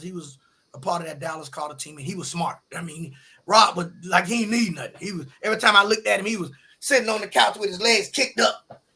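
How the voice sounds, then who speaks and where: A middle-aged man telling a story in a colloquial, animated way, often acting out the people he quotes. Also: very high-pitched, creaky, breathy edge. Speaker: podcast guest. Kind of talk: casual storytelling.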